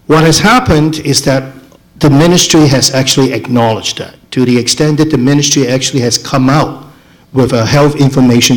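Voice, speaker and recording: A man speaking as a chief executive at a town hall, explaining things in a measured, unscripted way with halting phrasing. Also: mid-range voice.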